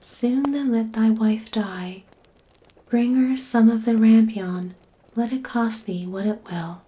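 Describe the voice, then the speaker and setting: A woman voicing an earnest, pleading fairy-tale husband in a soft, breathy voice. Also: on the high side, takes it slowly. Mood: resolute, worried. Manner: earnest, apologetic.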